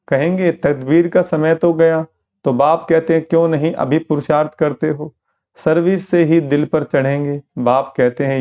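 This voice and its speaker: A man delivering a spiritual sermon at a steady, explanatory pace. His voice sits in an ordinary middle pitch, and he often asks rhetorical questions as he works through the lesson. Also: muffled recording. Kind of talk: sermon commentary.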